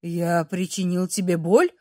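A woman reading an audiobook, voicing a kind elderly male dragon mage who speaks slowly and gently. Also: sits high, fairly even intonation, dry recording, clean studio sound, pitched below the performer's own voice. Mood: gentle. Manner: slow, gentle, soothing.

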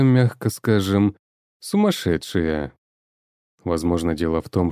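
A man narrating a first-person audiobook with a wry, sardonic edge. His voice sits low with a dark, mellow tone. The recording is dry and close. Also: no echo.

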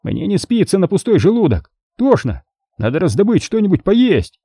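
Starving, sneering young soldier in a storybook, voiced by a male narrator, husky and raised. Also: sits high, sing-song, moderate pace, mellow, dry recording, clean studio sound, pitched above the performer's own voice, heavily acted. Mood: bitter, mocking. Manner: scornful, complaining. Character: hungry, embittered young male soldier, mocking.

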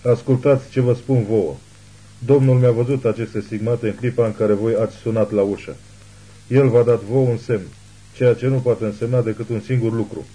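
A man's voice: medium pitch, fairly even intonation, breathy edge, lightly acted, rough recording. Man voicing a fervent old woman prophet. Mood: imperious. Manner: hushed but imperious.

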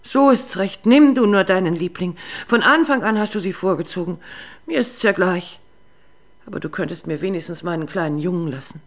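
A woman's voice: steady tone, fast talker, hardly any pauses, a little mellow. A woman doing a tearful drunken mother. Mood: reproachful. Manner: tearful, pleading, rising to shrill reproach. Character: drunken, weeping young mother, desperate and clinging.

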